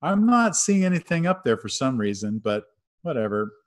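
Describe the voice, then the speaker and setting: A middle-aged man at a mid-range pitch hosts a chat over a webcam from a room at home. He speaks in a relaxed, conversational way and moves the talk along with easy questions. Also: moderate pace. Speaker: host. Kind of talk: casual video-call interview. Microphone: webcam on video call.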